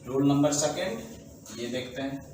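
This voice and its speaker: A man teaching a shorthand class in Hindi, explaining rules slowly and checking whether the students have understood. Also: a little high, expressive, darkish tone. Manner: slow, repetitive explaining, asks the class checking questions. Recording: echoey room, voice from far off, faint background noise.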